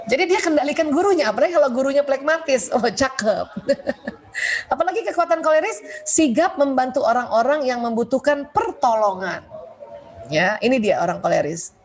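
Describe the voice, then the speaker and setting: A woman's voice: a little high, a little mellow, a little hiss or hum. A middle-aged woman doctor giving a webinar lecture on children's temperaments in a chatty way, laughing often and asking the audience questions.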